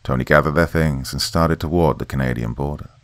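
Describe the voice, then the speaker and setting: A man narrating a horror story in a steady, measured reading voice. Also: rumbling low, no room sound.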